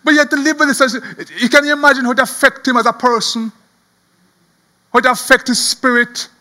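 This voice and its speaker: Guy pastor preaching, really high voice, chuckles a lot, animated storyteller. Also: brisk. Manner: animated, chuckling storyteller who often repeats words. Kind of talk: sermon.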